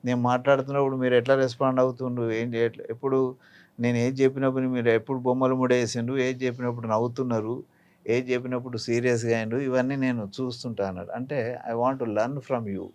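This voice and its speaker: An older man from Telangana, an actor in an interview, speaks fast in a mid-range, darkish, level voice with a Telangana Telugu accent. He reflects and instructs, sharing anecdotes and advice and illustrating his points with examples.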